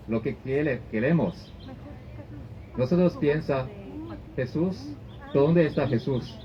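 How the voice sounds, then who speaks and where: A man preaching a sermon as pastor, in halting phrasing that often restarts and repeats. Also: medium pitch. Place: church service. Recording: dull lo-fi recording with faint noise.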